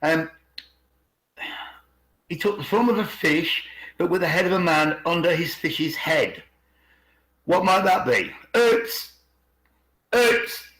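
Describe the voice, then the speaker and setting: This video channel host's voice is fairly high, a bit bright, and expressive, and he speaks slowly with long pauses. He delivers an informal presentation with commentary on a video call, leaning on rhetorical questions and repeated phrases for emphasis, and the audio echoes.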